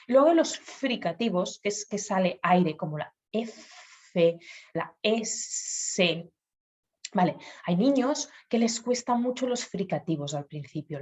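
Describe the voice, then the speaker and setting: Woman speech therapist, patient teacher, sounds it out, slightly muffled audio. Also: medium pitch. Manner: patient, demonstrates sounds aloud. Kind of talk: explanatory talk to parents.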